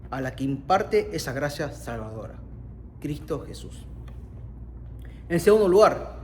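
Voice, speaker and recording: Man, argentine accent, sermon, earnest teaching tone, fairly high pitch, faint background hiss. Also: a little mellow. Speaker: preacher.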